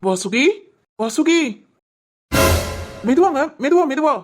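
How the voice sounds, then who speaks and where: A woman voicing a gentle young husband who soothes and teases his wife in a village family drama. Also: on the high side, animated, brisk, faint music behind, natural voice. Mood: soothing. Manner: soothing, teasing. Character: gentle reassuring young husband, loving and playful.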